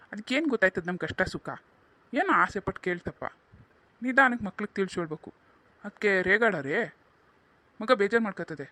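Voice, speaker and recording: A man voicing a gentle village father in a cartoon, coaxing his little daughter softly. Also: high-pitched, no room sound. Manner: soft, coaxing.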